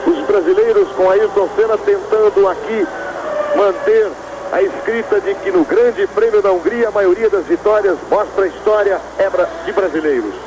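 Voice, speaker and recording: A man's voice: high voice, moderate pace. A man with a Brazilian accent giving live motorsport commentary of a qualifying session. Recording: loud engine noise behind the voice. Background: racing car engines and track noise.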